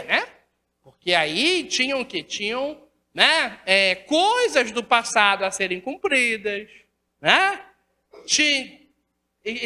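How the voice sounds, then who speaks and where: Woman, Rio de Janeiro accent, spiritist lecture, high voice, rhetorical questions, long reverb of a lecture hall. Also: pushed and bright. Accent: Brazilian Portuguese, Rio de Janeiro. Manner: rhetorical questions, constant tag questions, acts out dialogues.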